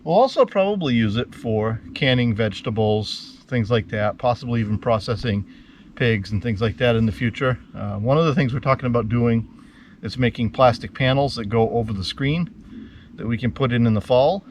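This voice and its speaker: A man's voice: medium pitch, normal speed. A host out of breath, explaining his build in an easygoing, rambling way full of "uh" and "you know". He speaks outdoors, with a faint hum of open-air ambience behind him. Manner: relaxed, rambling, with many fillers. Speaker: homesteader host. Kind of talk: casual on-site walkthrough.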